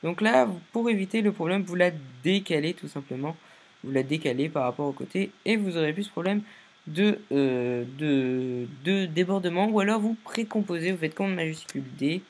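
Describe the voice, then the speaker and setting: A tired man casually narrating a software tutorial, giving step-by-step instructions with many fillers and restarts. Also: fairly high pitch, animated, normal speed. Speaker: video editing tutorial maker.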